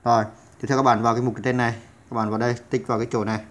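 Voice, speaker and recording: A man's voice: mid-range voice, little pitch movement, very fast. A man hosting a step-by-step computer tutorial, hesitant with many filler sounds, patiently repeating each instruction. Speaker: channel host teaching computer basics.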